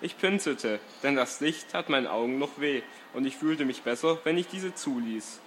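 A man reading a first-person story aloud in a calm, steady way. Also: medium pitch, moderate pace, a little hiss or hum.

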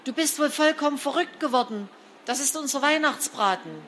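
A woman's voice: high-pitched, unhurried, fairly bright tone, slight background noise, pitched above the performer's own voice. A woman reading a storybook aloud, voicing a flustered mother who talks in a panicky, agitated way. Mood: panicked. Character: flustered, tearful mother, middle-aged.

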